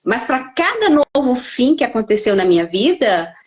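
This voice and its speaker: A middle-aged woman with a Brazilian Portuguese accent tells her stories with feeling. She acts out the dialogue she quotes. Her voice sits fairly high. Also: sing-song, moderate pace, a little mellow, highs cut off. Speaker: podcast guest, life coach. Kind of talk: casual conversation.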